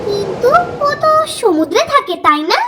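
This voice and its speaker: A woman's voice: extremely high pitch, sing-song, normal speed, heavy background noise. A woman voicing a nosy gossiping crow. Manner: eager, nosy. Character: curious gossipy female crow neighbour. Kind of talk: cartoon voice acting.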